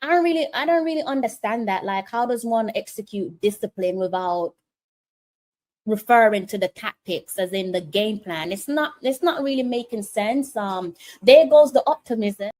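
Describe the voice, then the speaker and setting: A woman's voice: medium pitch, moderate pace, darkish tone, no room sound. A woman hosting a live stream, talking casually and directly to her viewers.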